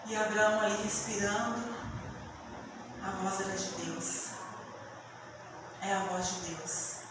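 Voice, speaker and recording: A woman preaching a sermon with emotive storytelling, dropping to a hush and then rising loud again. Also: mid-range voice, level tone, takes it slowly. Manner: emotive storytelling, swinging between hushed and loud. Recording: echoey hall from far off with room noise.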